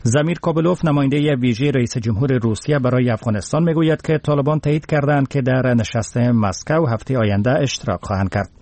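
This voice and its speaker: A man's voice: mid-range voice, hardly any pauses, darkish tone, no room sound. A man with an Afghan accent reading scripted news headlines formally.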